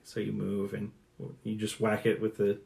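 A young man narrating as game master in a loose, halting way, full of fillers. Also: lowish voice, monotone, creaky, a little mellow. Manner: casual and halting, with many fillers.

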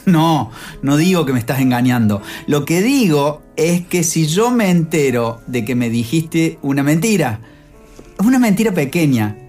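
A woman's voice: low voice, big pitch swings, measured pace, a little mellow, soft background music. A woman with a Rioplatense accent performing a dramatic monologue as a desperate woman pleading with her lover on the phone. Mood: anxious. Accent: Rioplatense Spanish. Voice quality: pleading, tender, anxious.

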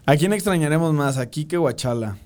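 A man's voice: a little high, expressive, fast talker, a little mellow. Mexican man, co-host, reads listener questions, joking casual chat.

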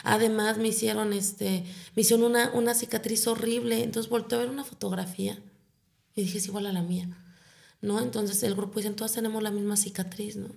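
Gravelly-voiced Mexican woman telling her story. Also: fairly high pitch, steady tone, brisk, darkish tone. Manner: tag questions after nearly every phrase. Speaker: guest, foundation founder. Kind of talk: personal storytelling in an interview.

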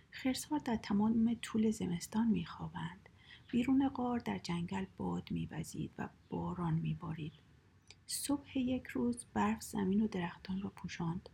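A woman reading a children's story aloud in a soft, hushed whisper. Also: mid-range voice, vocal fry, husky.

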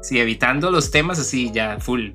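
A man's voice: mid-range voice, expressive, moderate pace, pushed and bright, faint music behind. A young man with a Costa Rican accent chatting casually as a podcast co-host, dropping English words into his Spanish. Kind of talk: casual personal conversation.

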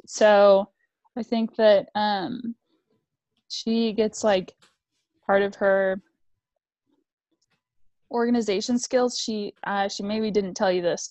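A woman's voice: mid-range voice, dry recording. A young woman who is a guest on a casual podcast and teases and jokes with the host. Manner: teasing, joking and laughing softly.

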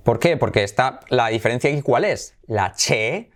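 A man's voice: medium pitch, expressive, normal speed. A man with a Spanish accent from Spain, teaching English pronunciation and repeating words over and over with exaggerated sounds. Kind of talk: pronunciation lesson.

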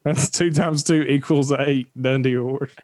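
Guy rambling in casual chat, jokes and laughs a lot, mid-pitched voice, dry close mic. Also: steady tone, normal speed, a little mellow, no echo. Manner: rambling and joking, laughs often.

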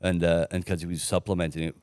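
A man's voice: sits low, little pitch movement, fast, darkish tone, no room sound, studio quality. A middle-aged man telling rambling, profane stories on a casual podcast, laughing often. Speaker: podcast host. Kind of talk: casual storytelling chat.

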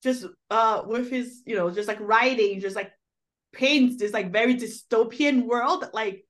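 A woman's voice: fairly high pitch, a little slow, fairly bright tone. A woman co-hosting a podcast, chatting casually about a film, full of fillers and restarts. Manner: rambling, many fillers like "like" and "you know". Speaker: podcast co-host. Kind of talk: casual film review chat.

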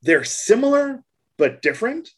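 A man's voice: extremely high pitch, very animated, moderate pace, breathy edge. A man on a casual tech podcast, patiently explaining things and restarting his sentences. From United States. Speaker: co-host explaining voice tags.

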